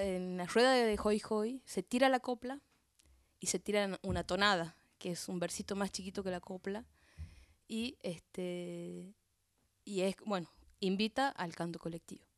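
An Argentine woman, a folk singer guest on radio, explaining a song tradition in a hesitant way, often pausing to search for words. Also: mid-range voice, no room sound, studio quality.

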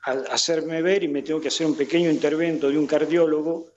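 An Argentine man talking casually in a slightly high voice. He circles back over his words, restarting and repeating as he goes. The recording sounds dull and muffled. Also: fairly even intonation, quick pace, a little mellow. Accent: Argentine Spanish. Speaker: guest, Argentine living in Italy. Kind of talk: casual conversation.

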